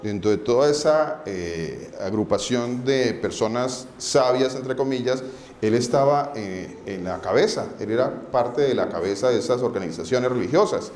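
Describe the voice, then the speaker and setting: A man's voice: medium pitch, lively intonation, moderate pace, a little mellow. Man preaching in an echoey room. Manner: preaching with rhetorical questions and repetition. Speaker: pastor. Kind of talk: sermon. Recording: echoey room with faint background noise.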